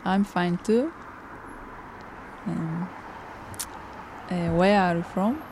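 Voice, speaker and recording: A woman with a Bulgarian accent speaking simple, halting learner's English in a practice dialogue. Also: fairly low pitch, background noise. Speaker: English course student. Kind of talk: practice dialogue in a language class.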